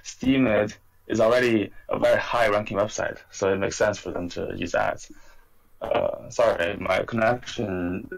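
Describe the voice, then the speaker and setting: A man in a casual online panel talk, speaking haltingly with many fillers over a choppy internet call that keeps cutting out. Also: fairly low pitch, fairly even intonation, creaky, rough recording. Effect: choppy, cutting-out internet call connection. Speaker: app founder on a panel. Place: in China. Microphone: voice chat app over VPN.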